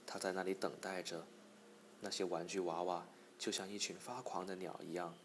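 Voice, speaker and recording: A man narrating a storybook in a measured, even manner. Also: low voice, noisy background. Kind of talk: audiobook storytelling.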